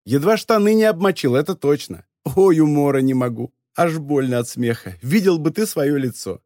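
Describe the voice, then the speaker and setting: A man reading an audiobook, voicing an impudent ragged young girl in a high, mocking voice. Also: animated, moderate pace, dark tone, no room sound, studio quality, close to an everyday voice. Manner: mocking, impudent, squeaky put-on.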